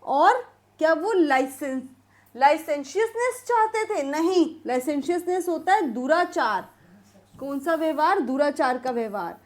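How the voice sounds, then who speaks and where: A woman's voice: high-pitched, lively intonation, unhurried. A woman teaching English literature in an exam revision lecture, reading questions out and explaining them step by step to her students. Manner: addresses students as "beta".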